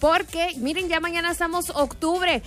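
A woman's voice: very high-pitched, steady tone, normal speed, a bit bright, soft background music. A woman hosting a call-in radio show, chatty and upbeat, laughing with callers and pushing events. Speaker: radio host.

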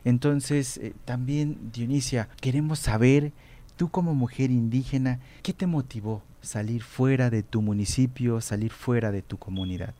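A radio host on a community station greets listeners formally and puts questions to his guest in an interview, affirming with short murmurs. His voice is medium-pitched, mellow and moderately paced.

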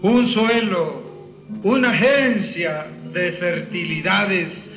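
Slow, high-voiced Mexican man reciting poetry. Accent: Mexican, Costa Chica. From Costa Chica, Mexico. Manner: slow, solemn, sing-song delivery. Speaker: poet reciting. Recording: roomy, dull lo-fi recording with music. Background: music playing.

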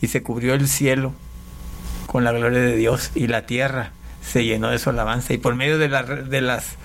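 A man from Panama speaks as a pastor guest on a radio show. He tells his testimony in a halting way, breaking off and restarting phrases at the studio microphone, with a faint hiss underneath. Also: medium pitch, flat delivery, gravelly. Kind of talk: conversational testimony.

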